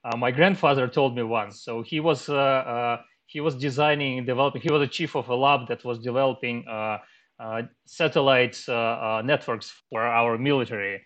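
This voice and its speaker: A man in casual chat, halting and pausing often as he tells a story. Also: medium pitch, steady tone, fairly bright tone, dull audio. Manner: halting, many uh fillers. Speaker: podcast host.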